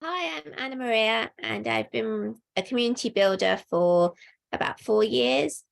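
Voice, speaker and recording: A woman community builder introduces herself on a video call, sounding excited. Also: fairly high pitch, unhurried, gravelly.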